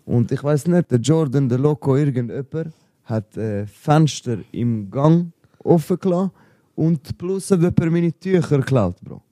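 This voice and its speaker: A young man with a Swiss German accent tells a story in loose, slangy chat, calling his friend bro again and again. His voice is very dark and mellow. It sits dry and close on the mic. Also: fairly high pitch, animated, unhurried, dry recording. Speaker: podcast guest, rapper. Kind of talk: casual chat.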